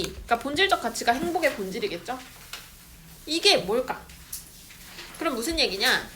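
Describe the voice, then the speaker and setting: A young woman teacher giving a lively, chatty classroom lecture and acting out little scenes with students. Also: on the high side. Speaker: Korean literature teacher. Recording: noisy room recording.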